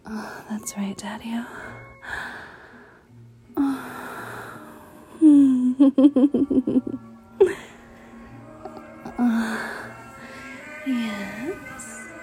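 A woman in an intimate audio roleplay, talking in a flirty, playful way with retro slang, often dropping to breathy whispers and giggling. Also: medium pitch, slow pace, pauses often, darkish tone, soft background music.

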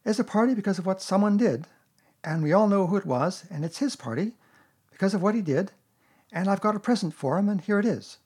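A man's voice: high-pitched, animated, a little fast, a little mellow, breathy edge, pitched above the performer's own voice. A man voicing an earnest, eager young boy in a storybook. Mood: announcing. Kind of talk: storybook character voice.

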